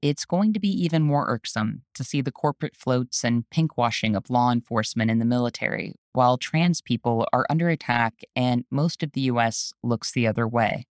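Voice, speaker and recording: Host for a spoken essay: an earnest, urgent activist voice, mid pitch, dry close sound. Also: moderate pace, few pauses, no echo. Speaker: activist and journalist hosting the show.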